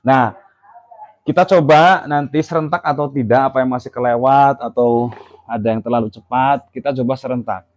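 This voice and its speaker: A man's voice: mid-range voice, fairly even intonation, normal speed, muffled recording. A man teaching a class on Arabic letter pronunciation in a mosque, patiently explaining and counting out beats as he drills the sounds. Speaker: Quran reading teacher. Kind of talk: classroom lesson.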